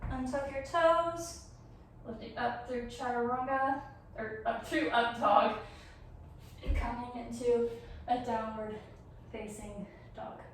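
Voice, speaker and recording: A young woman with a slightly high, fairly even voice leads a vinyasa yoga class slowly, pausing often. She gives encouraging cues with light laughs and sounds a little out of breath. The recording is echoey and faintly noisy, with the mic far away.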